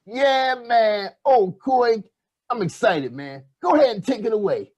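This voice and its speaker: A man voicing an excitable boyish puppet who hosts a kids' show like an overbright party host, with a husky voice and hyped, exclamatory delivery. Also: sits high, a little slow. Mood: overbright, excited. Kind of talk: children's puppet show presenting.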